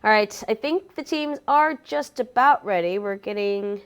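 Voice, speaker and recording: A woman's voice: medium pitch, measured pace, smooth. A woman casting an esports match with a stuffy voice from a cold, playful and giggly. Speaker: esports caster. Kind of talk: casual esports commentary.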